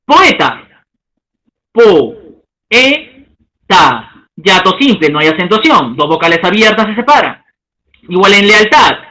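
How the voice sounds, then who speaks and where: Lively male teacher. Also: sits high, rough recording. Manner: slow, drawn-out spelling of example words; checks in with listeners, asking okay. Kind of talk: classroom lesson on phonetics.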